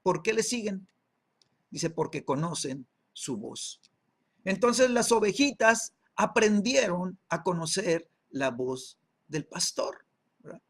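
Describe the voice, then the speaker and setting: Slow and sing-song, his high-pitched voice a bit bright and slightly rough, a man leads an online Bible class. Tag questions pepper his speech as he checks in with listeners, and he repeats words while searching for what to say next.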